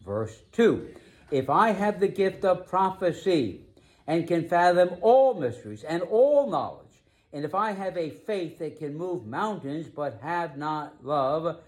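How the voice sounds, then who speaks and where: A man preaching a sermon as pastor, emphatic, slowing down to stress key phrases. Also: a little high, sing-song.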